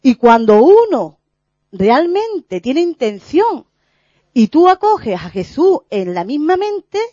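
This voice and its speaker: Woman, earnest religious talk, animated pitch, mellow tone, dull lo-fi sound. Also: no echo. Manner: earnest, halting, many restarts and fillers. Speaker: lay preacher sharing a spiritual reflection. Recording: dull lo-fi recording.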